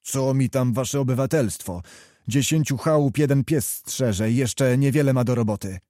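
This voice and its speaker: Male reader doing a hot-tempered young nobleman, cocky and defiant, mellow, dry. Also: mid-range voice, moderate pace, no room sound, close to an everyday voice. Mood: swaggering. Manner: swaggering, defiant. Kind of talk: audiobook character reading.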